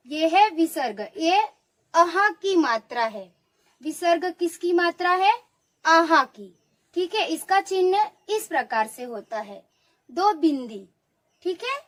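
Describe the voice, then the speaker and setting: A woman's voice: very high voice, fairly bright tone. A woman teaching young children, coaxing them to repeat sounds after her and praising each answer. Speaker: primary school teacher. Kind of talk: online lesson for young children.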